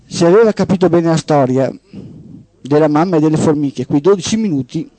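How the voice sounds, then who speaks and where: A radio host reading a story aloud on a call-in show, easing in with relaxed chat. His voice is fairly high for a man but dark and mellow in tone. The studio sound is dry and close. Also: brisk, no room sound. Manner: easygoing, chatty lead-ins before reading.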